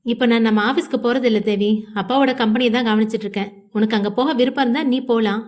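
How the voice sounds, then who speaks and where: A woman reading as a calm young husband. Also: fairly high pitch, fast talker, lightly acted.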